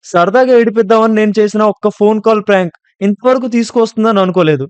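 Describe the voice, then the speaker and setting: A man's voice: high-pitched, fast, clear, resonant tone, no echo, muffled recording, voice pushed up, close to an everyday voice. A man playing a guilty, tearful young woman. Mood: tearful, defensive. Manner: crying and defending herself.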